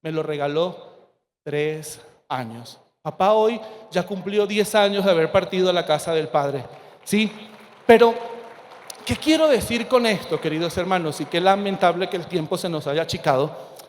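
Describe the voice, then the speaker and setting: A priest in his forties telling a personal testimony to an audience, earnest and emotional, with dramatic pauses. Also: high-pitched, a little hiss or hum.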